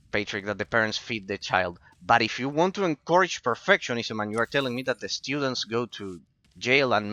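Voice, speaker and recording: Bright-voiced man gaming and chatting. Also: medium pitch, dry recording. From Argentina. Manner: rambling, repeats phrases, talks philosophy. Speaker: gaming streamer. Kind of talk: casual commentary while gaming, replying to chat.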